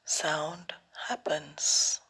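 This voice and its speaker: A meditation teacher guides a session in a low, husky voice, speaking softly and often almost whispering. Her phrases are short, calm and deliberate, separated by long pauses. The audio quality is poor.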